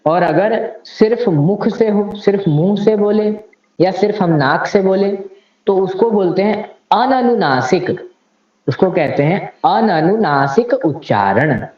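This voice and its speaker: Slow, deliberate male grammar teacher. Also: sits high, expressive, a little mellow. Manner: slow and deliberate, reciting Sanskrit grammar rules. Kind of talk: lecture. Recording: echoey, slightly dull room recording.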